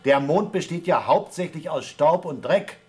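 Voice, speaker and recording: An actor playing a gruff, sardonic astronaut on the Moon in a German radio play. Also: male voice, low-pitched, moderate pace, natural voice. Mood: irritated, louder. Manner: dry, sardonic, grumbling.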